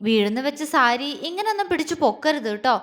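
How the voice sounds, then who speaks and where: A woman playing a teasing older husband, stern one moment and doting the next, in a bright high voice. The reading rings out with a long reverberant tail. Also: sing-song, fast. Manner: teasing, scolding, then coaxing.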